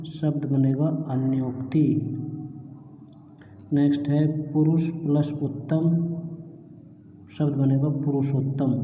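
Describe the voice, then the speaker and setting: A man's voice: mid-range voice, mellow, highs cut off. A male teacher giving a grammar lesson, methodically repeating each example step by step. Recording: echoey room with long reverb.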